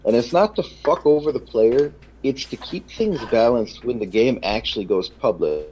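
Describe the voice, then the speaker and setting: A man's voice: mid-range voice, animated, normal speed, warm tone, muffled recording, slight background noise. A man co-hosting a casual gaming podcast who gets fired up, swears freely and fills his talk with "you know". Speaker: podcast co-host.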